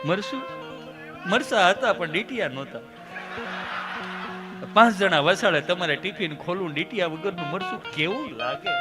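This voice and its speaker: Male folk comedian, high voice, folksy stage storytelling with guitar backing. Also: animated, normal speed, pauses often. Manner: folksy, addresses audience as sir, swings between quiet and loud. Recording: guitar music playing behind.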